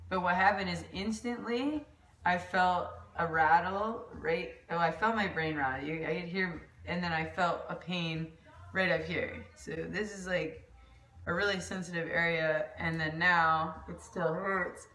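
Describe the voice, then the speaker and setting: Woman vlogger, rambling casual chat, lowish voice, mild concussion, roomy and off-mic. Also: unhurried, a bit bright, far from the mic. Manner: rambling, chatty, laughs often. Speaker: volleyball coach vlogger. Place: at home, kitchen pantry. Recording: echoey room, off-mic.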